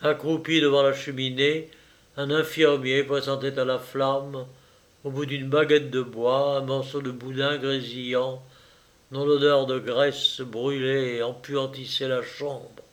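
A man narrating a literary story in a measured audiobook reading. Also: mid-range voice, level tone. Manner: slow, measured.

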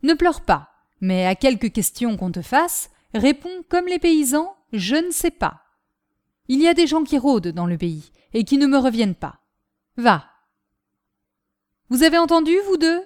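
A woman's voice: high-pitched, big pitch swings, unhurried, darkish tone, voice pushed up. A woman reading aloud, voicing a stern and menacing gamekeeper who commands his family. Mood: urgent. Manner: commanding, threatening. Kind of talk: audiobook reading of a novel.

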